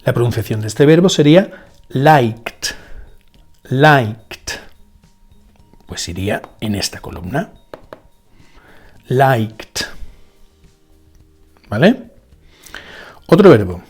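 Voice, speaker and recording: A man teaching a spoken language lesson, going slowly and deliberately, repeating each example word and checking in with rhetorical questions. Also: mid-range voice, big pitch swings, mellow, breathy edge, soft background music. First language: Spanish. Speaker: English teacher.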